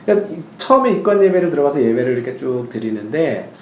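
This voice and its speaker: A male pastor preaching a sermon, telling stories in an animated way and now and then crying out loud. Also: mid-range voice, quick pace, echoey room, slight background noise. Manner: animated storytelling, bursts into loud acted cries.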